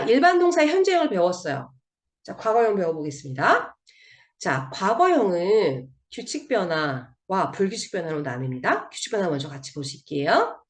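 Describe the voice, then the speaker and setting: A woman teaching English grammar in a recorded online lecture over slides. She asks her students questions and then answers them herself, and she drills word forms one by one. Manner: drills word forms with strong rise and fall in pitch.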